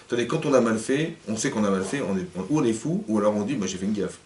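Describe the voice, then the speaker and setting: A man teaching a lively interactive class as a rabbi, acting out little scenes and putting questions to his listeners. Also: fairly low pitch, rapid-fire, slight background noise. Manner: animated, acts out little scenes, questions the audience. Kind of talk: lively interactive Torah lesson. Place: community hall. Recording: echoey room, mic at a distance.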